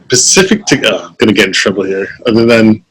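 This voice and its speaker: A man's voice: fairly low pitch, lively intonation, fast, fairly bright tone, breathy edge, poor audio. A man co-hosting a casual podcast chat who laughs often and trails off mid-sentence. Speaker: podcast co-host.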